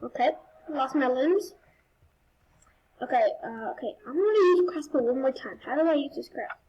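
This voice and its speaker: A woman giving casual gameplay commentary, swinging between low muttering and excited squealing outbursts. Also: normal speed, slightly rough, dull audio. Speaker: gaming channel host.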